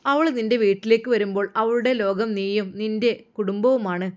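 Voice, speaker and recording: A woman's voice: medium pitch, fairly even intonation, fairly quick, lightly acted. A woman voicing a caring older mother giving earnest advice to her son.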